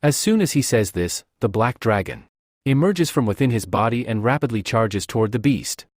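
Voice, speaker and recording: A man narrating a comic recap in an even, storytelling delivery. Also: medium pitch, normal speed, dry recording, clean studio sound.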